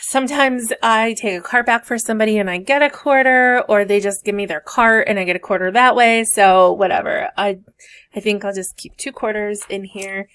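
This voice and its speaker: A woman's voice: medium pitch, moderate pace, fairly bright tone, smooth. A woman teacher chatting casually as she works through savings challenges on her vlog, thinking aloud as she goes. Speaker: teacher and budgeting vlogger. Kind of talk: casual chat while doing savings challenges.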